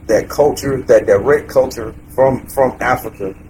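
A man in a casual podcast conversation who talks at an even middle pitch and in a measured way. He agrees often with short interjections, and a faint ambient noise sits behind his voice. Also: poor audio. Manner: measured, agreeable, lots of "yeah" and "right". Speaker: podcast co-host. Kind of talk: casual group chat.

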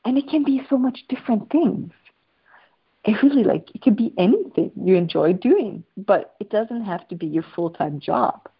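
Speaking from home in Sweden with her dog nearby, a Swedish woman guests on a casual interview by video call. Her mid-range voice has lively intonation, a breathy edge, and normal speed, and her talk flows freely with enthusiasm and playfulness; the audio sounds muffled.

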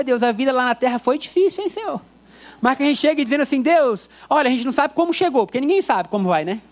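High-voiced man preaching a fervent sermon. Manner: fervent preaching with repeated declarations. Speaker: pastor.

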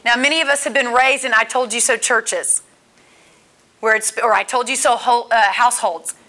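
A woman gives a conversational Bible lesson. Her voice sits high and bright. She talks earnestly and animatedly, and she slips into the people she quotes. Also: steady tone, normal speed. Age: 40s. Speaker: women's Bible study teacher.

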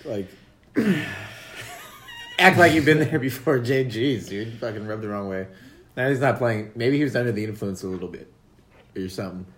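A blunt man co-hosting a casual soccer podcast with a mid-pitched voice. He swears freely and laughs a lot. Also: lively intonation, normal speed, pauses often. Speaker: podcast co-host. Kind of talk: casual chat.

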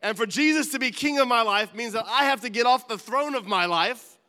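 A man's voice: extremely high pitch, fairly quick, sharp tone, big-room sound. A man preaching a sermon as a pastor, earnest and building to emphatic peaks, with restarts and asides.

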